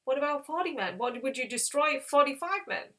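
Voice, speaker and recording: A woman lightly plays an aged patriarch in a storybook retelling, full of incredulous questions. He pleads in a voice pitched a little above her usual talk. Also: animated, a little fast, pushed and bright. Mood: pleading. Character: old man, astonished aged patriarch.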